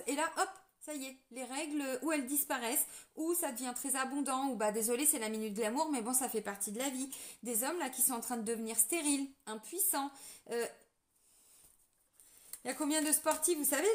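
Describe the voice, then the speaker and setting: A woman with a bright, high voice gives a card reading to her online viewers. She talks in a loose, earnest way, full of fillers and tag words, as if chatting with friends. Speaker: tarot card reader and energy healer. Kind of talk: casual monologue to viewers.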